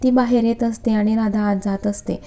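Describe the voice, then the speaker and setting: A woman narrating a romantic story as a storyteller, with calm, even reading. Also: fairly high pitch, moderate pace. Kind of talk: scripted narration.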